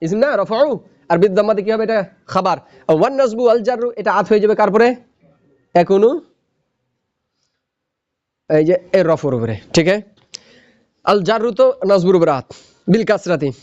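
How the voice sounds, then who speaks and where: In a classroom lecture on grammar, a man with a high-sitting voice keeps posing questions and answering them himself. He speaks expressively at a moderate pace with frequent pauses and a darkish tone. The audio is muffled and lo-fi.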